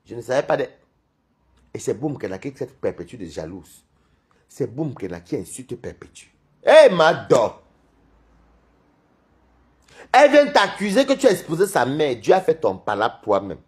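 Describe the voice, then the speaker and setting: This man hosts a live stream from Cameroon, his medium-pitched voice moving at a moderate pace broken by long pauses. With a Cameroonian French accent, he rambles and gossips with viewers, animated and often laughing.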